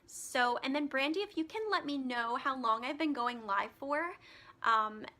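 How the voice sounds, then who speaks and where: This spiritual healer runs a live stream, talking loosely with lots of ums as she reads card meanings aloud. She sounds a little high, bright and forceful, though her voice is turning scratchy.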